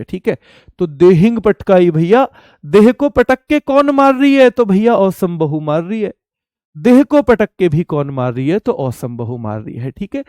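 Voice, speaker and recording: A male teacher giving an exam-prep lecture, telling a lively story with rural dialect words and repeating key terms to drill them. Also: high-pitched, clean tone, dry recording, clean studio sound.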